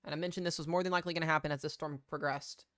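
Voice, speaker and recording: A man's voice: a little high, fairly even intonation, rapid-fire, fairly bright tone, clean tone. A man hosting a live severe weather stream, giving informal commentary with muttered asides and emphatic calls. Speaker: severe weather livestream host. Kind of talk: live storm coverage commentary.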